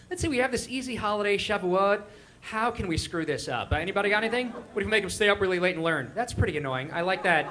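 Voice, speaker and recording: A young man from Israel performing a stand-up set with quick, animated crowd work and mock voices, on a live stage. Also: sits high. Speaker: stand-up comedian. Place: live comedy stage before an audience. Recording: live room with faint crowd noise.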